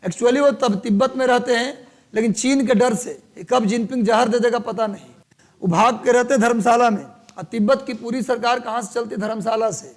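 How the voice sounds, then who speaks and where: A man from Bihar, teaching a live online exam-prep class, dictating notes slowly and repeating phrases with chatty asides to students. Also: very high voice, fairly even intonation.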